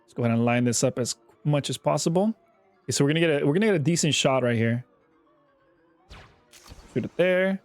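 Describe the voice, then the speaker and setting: A young man giving casual, chatty commentary over his own gameplay, often repeating himself and getting excited. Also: a little high, a little fast, pauses often, dry recording, faint music behind. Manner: chatty, self-talking, repeats words, excitable. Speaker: gaming YouTuber.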